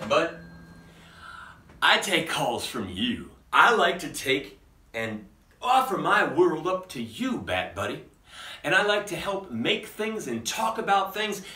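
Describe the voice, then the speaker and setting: Sounding a little high, pushed and bright, this vlog host chuckles frequently as he talks to his audience like a theatrical kids'-show presenter. He's a middle-aged man who makes costumes, filming in a prop-filled home office. The room echoes and the mic sits far away.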